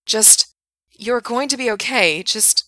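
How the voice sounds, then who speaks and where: A woman voicing Gerard, a desperate young man pleading with and shouting encouragement to the man he loves. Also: fairly high pitch, slow pace, no room sound, clean studio sound, pitched above the performer's own voice. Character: young man, desperate, fiercely loving rescuer.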